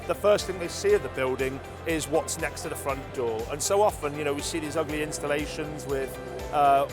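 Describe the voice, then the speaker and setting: Over music, a man with a slightly high voice explains a product in a conversational interview. He speaks in a measured way, often hesitating with ums and filler phrases.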